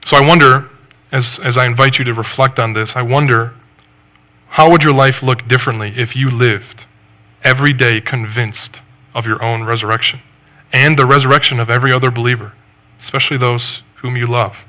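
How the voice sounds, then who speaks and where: A male pastor delivering a sermon in an earnest, measured way. His voice is bright and forceful, pitched in a middle range. He builds his points with reflective questions. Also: fairly even intonation.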